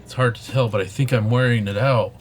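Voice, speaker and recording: A man's voice: mid-range voice, steady tone, brisk, a little hiss or hum. Man reading a story game aloud. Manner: reads narration with joking asides. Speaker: game streamer.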